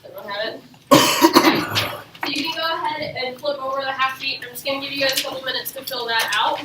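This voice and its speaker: A woman with a cold teaches a class, her voice stuffy and nasal and a little high. She reassures the students casually with plenty of fillers. She is caught from far off in an echoey classroom with loud noise. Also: quick pace. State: sick, nasal voice.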